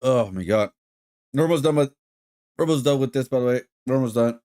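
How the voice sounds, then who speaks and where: A man's voice: mid-range voice, fairly quick, mellow, clean tone. Male streamer, casual, rambling, filler-heavy, talks to chat. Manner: rambling, many fillers, keeps addressing chat as guys. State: hiccups.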